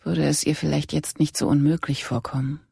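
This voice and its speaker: A narrator voicing a composed female police investigator, in a quiet, matter-of-fact and slightly gravelly reading. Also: medium pitch, level tone, fairly quick, dry recording, clean studio sound, full character voice. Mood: wistful.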